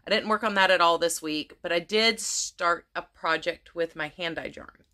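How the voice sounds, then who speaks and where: A woman's voice: on the low side, normal speed, sharp tone. Chatty woman with a fading voice. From United States. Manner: rambling, many ums and restarts. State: losing her voice. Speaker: crafting vlogger. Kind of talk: casual chat to camera.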